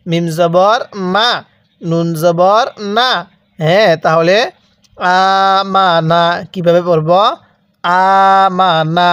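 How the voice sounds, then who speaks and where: This is a step-by-step Quran recitation lesson from a high-pitched man from Bangladesh. The recording has no room sound, and its highs are cut off. He draws out each syllable slowly, repeating and prompting the learner to read after him.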